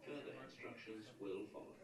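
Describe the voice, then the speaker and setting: British man on a distant loudspeaker. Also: lowish voice. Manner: slow, formal automated alert. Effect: public-address loudspeaker announcement. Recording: distant building loudspeaker over a crowd. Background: audience murmuring and laughing.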